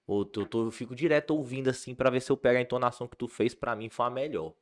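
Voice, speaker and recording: A comedian guest from Ceará, Brazil, tells stories in a casual chat as an animated storyteller, with lots of fillers and restarts. He is a fast talker with a mid-range voice.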